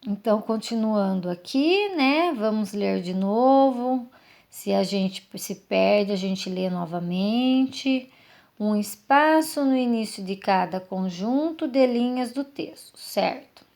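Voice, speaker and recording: A woman's voice: medium pitch, animated, slow pace, darkish tone. A woman teacher, explaining a lesson to young children step by step, patient and checking in with questions. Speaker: primary school teacher.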